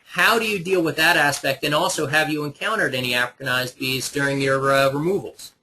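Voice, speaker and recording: A man's voice: on the high side, brisk, sharp tone, a little hiss or hum, poor audio. A man moderating a webinar, reading out audience questions with many hesitant fillers.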